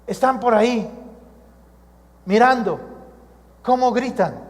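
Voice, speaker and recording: High-voiced Colombian pastor preaching in a hall. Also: male voice, takes it slowly. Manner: preaching with rhetorical questions, addressing "mis amados". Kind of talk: sermon. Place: church sanctuary. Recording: church hall reverb.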